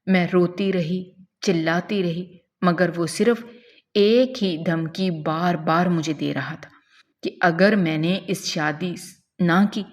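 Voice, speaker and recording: Woman storyteller, earnest first-person narration, lowish pitch. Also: a little mellow.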